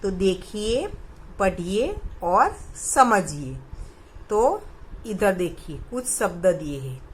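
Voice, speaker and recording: A woman's voice: medium pitch, big pitch swings, slow, a little hiss or hum, poor audio. A woman teaching a recorded primary school lesson, patiently asking questions and answering them herself for the children.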